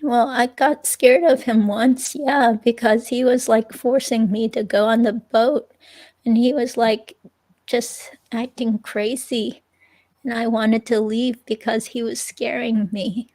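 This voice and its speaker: In a dramatic transcript reading, a woman voices a hesitant, uneasy young ex-girlfriend giving a statement to police. Her voice is on the high side, steady and darkish, and her speech is halting and full of fillers.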